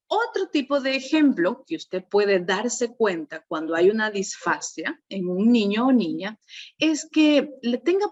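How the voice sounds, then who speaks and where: A woman with an Ecuadorian Spanish accent leading a virtual workshop, lively and often questioning her audience. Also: a little high. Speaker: workshop leader. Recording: dull lo-fi online call audio.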